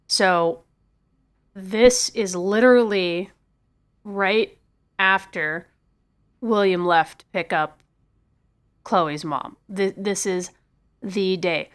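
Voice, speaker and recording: A woman streamer giving let's play commentary and reading game text aloud, her mic clipping and distorting on loud words. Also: mid-range voice, extremely slow, pauses often, clean tone. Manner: reads game text aloud, reacts with laughs. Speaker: gaming streamer.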